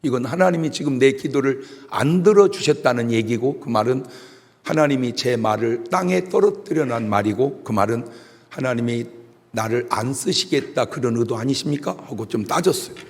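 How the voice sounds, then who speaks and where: A middle-aged man pastor giving a humorous sermon, telling stories and acting out shouted voices. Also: mid-range voice, normal speed, slightly rough. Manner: animated storytelling with jokes and shouted imitations. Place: church sanctuary. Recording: long reverb of a church hall.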